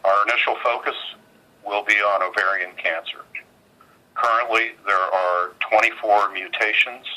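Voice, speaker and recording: A man presenting a scripted business update to investors on a phone conference call, formal and measured. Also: low-pitched, sharp tone, rough recording. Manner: formal, measured phrase-by-phrase reading. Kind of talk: scripted earnings call presentation, read aloud. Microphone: telephone conference call.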